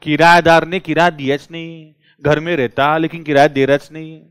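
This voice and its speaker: A male teacher runs a lively lecture, firing questions at his class. His voice sits a little high and comes across clean and resonant. The recording is dry and close. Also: moderate pace, smooth, no echo. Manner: lively, drills students with repeated questions.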